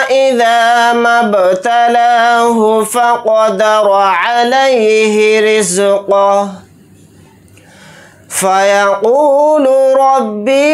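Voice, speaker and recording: A man teaching Quran recitation rules, explaining each sound slowly and deliberately, then chanting the verses in long drawn-out tones. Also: high-pitched. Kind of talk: tajweed lesson. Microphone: close mic, speaking while pointing with a pen.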